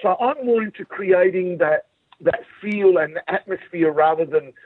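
A middle-aged man with a broad Australian accent tells stories casually in an interview, acting out what people said. His voice is husky and a little high for a man. It comes through a thin, dry phone-like line. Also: a little slow, dry recording. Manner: animated storytelling, acts out quoted remarks. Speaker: singer, interview guest. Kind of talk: casual anecdotal interview chat.

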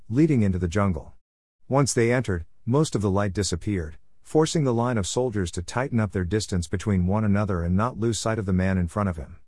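A man with a low voice reads a war story aloud as scripted narration. He tells it in a measured, steady way. The recording is dry and close, with no room sound. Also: no echo.

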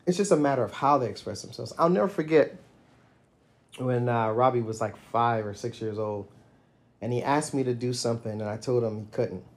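Middle-aged guy chatting easy, thoughtful storyteller, mid-pitched voice, gets lively when he acts out what he said. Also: fairly quick. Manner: reflective, storytelling, animated when quoting himself. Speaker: podcast co-host. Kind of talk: casual conversation.

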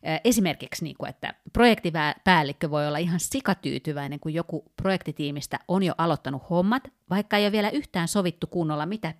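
A woman's voice: deep voice, few pauses. A woman co-hosting a casual talk, explaining ideas step by step with many fillers and small restarts. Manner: thoughtful, with frequent fillers and restarts; explanatory, walks through work examples. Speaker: podcast co-host. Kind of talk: casual conversational podcast.

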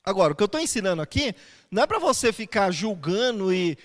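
A man's voice: high voice, sing-song, fast, big-room sound. A man, a pastor, preaching a conversational sermon in a church and posing rhetorical questions to his listeners.

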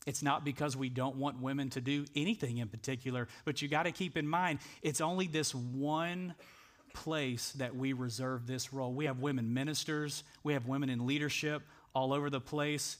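A man's voice: medium pitch, fairly even intonation, moderate pace. Earnest male pastor preaching a sermon. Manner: earnest, conversational preaching that builds to emphatic peaks. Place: church sanctuary.

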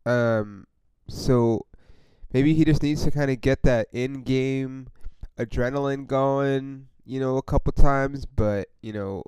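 Smooth-voiced man ranting casually about sports. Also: mid-range voice, slow, darkish tone, no room sound, low-quality recording. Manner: rambling, profane, frustrated fan talk with many fillers. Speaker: podcast host. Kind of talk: casual solo sports podcast rant.

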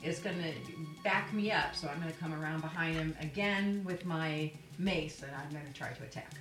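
A woman player in a tabletop game, describing her moves in a steady, deliberate way. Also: sits low, reverberant, far from the mic, soft background music. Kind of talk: casual tabletop play.

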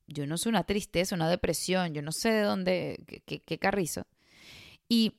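A woman's voice: lowish voice, vocal fry, no echo, clean studio sound. A woman hosting a solo podcast, chatting and telling personal stories with lots of fillers and restarts. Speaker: podcast host. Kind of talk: casual solo podcast talk.

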